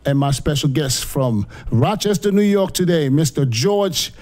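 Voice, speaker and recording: Middle-aged man hosting a studio podcast, warm voice a little on the high side, keen and chatty with his guest. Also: animated, a little slow. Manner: eager, repetitive, upbeat questioning. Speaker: podcast host. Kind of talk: casual interview chat. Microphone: studio mic with headphones.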